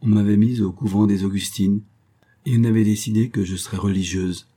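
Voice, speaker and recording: A man with a husky voice reading the part of a stern, sentimental old spinster who confides in a boy in an audiobook. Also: on the low side, fairly even intonation, a little fast, lightly acted. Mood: reminiscing. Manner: gruff voice softening into wistful confiding.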